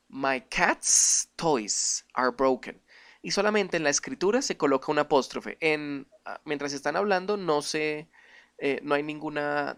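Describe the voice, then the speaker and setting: A man teaching an online English grammar lesson. He explains patiently, asks his viewers questions and slows right down to model the English example sentences. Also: fairly high pitch, fairly bright tone.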